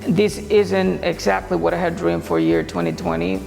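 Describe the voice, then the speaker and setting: A man from Honduras speaks earnestly in a heartfelt video address as a surgeon, his voice rough and gravelly and set a little high. Soft music plays under him, and a long reverb trails his words. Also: level tone, normal speed. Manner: earnest, with fillers. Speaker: orthopedic surgeon.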